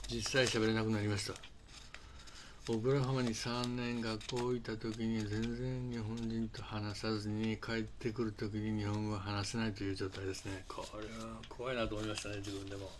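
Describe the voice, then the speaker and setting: A man, an English conversation teacher talking casually to camera in a rambling, halting way full of fillers and restarts. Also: fairly low pitch, slight background noise. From Japan. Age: 60s.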